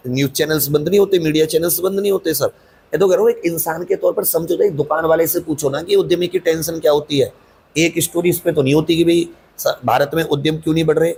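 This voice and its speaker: Coaching teacher defending himself in an interview; husky, insistent, talks in long runs. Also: male voice, fairly high pitch, a little mellow. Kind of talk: interview answers.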